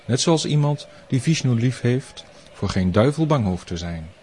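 A man voicing a solemn, wise old grey-haired priest in a storybook reading, speaking earnestly and in hushed tones. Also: mid-range voice, expressive, moderate pace, slight background noise, natural voice.

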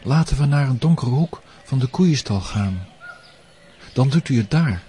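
A man voicing a worried village father in a storybook reading, speaking in a hushed, urgent way. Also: mid-range voice, animated, a little slow, slight background noise, pitched above the performer's own voice, natural voice. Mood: whispering.

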